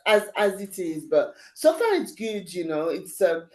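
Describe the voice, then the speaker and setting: A woman in her fifties, born in Haiti and raised in France, appears as an interview guest and agency founder. Her fairly low voice is sing-song and a little slow, and she chats animatedly, laughing often and restarting her sentences in this casual conversation.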